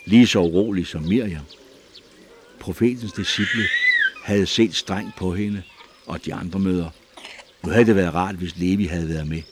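A man narrating an audiobook in a measured, expressive storytelling manner. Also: low-pitched, background noise.

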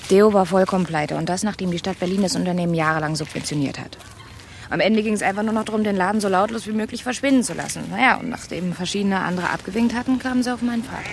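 A woman with a mid-range, creaky voice talks quickly, close to how people speak day to day, with background noise in the recording. She is an actress in a radio crime drama, playing the sardonic, outspoken daughter of a rich businessman, and her delivery is blunt and mocking. The mood is bitter and blunt.

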